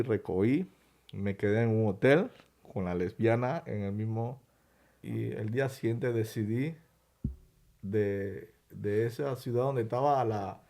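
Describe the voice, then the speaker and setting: A man, a guest on a talk show, telling his own story at length, with halting restarts and acted-out quoted lines. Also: lowish voice, warm tone. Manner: halting, restarts words, acts out quoted speech. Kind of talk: personal story told in interview.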